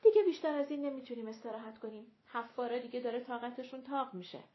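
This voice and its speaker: Woman doing a brisk, commanding leader. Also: mid-range voice, sing-song, dull audio, natural voice. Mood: urgent.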